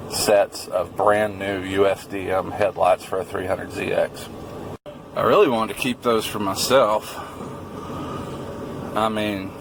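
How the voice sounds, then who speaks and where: Gravelly Southern man vlogging casually. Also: fairly low pitch, background noise. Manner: rambling, crude jokes, excitable. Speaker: car vlogger. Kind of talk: casual vlog chat.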